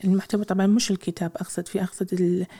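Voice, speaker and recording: Flat-toned woman host. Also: medium pitch, slightly rough. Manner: calm, measured, brief backchannel replies. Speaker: interviewer, host. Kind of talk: interview questions and short affirmations.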